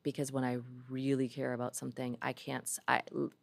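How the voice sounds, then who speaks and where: A woman's voice: rumbling low, little pitch movement, a little fast, creaky, no room sound. A woman in her forties talking openly and emotionally in a podcast conversation, swearing freely. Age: 40s.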